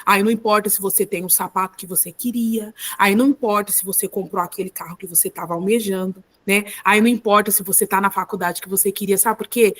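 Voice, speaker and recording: A woman leading a women's Bible study, preaching in a conversational way with tag questions and acted-out voices. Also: mid-range voice. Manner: animated, acts out biblical voices. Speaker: women's group leader.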